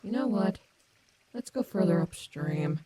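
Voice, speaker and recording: A woman's voice: on the low side, lively intonation, unhurried, mellow, slight background noise, poor audio. A woman voicing a confident, playful animatronic wolf, cocky and teasing yet tender, in an audio roleplay. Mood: bored. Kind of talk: ASMR audio roleplay, companionable acting.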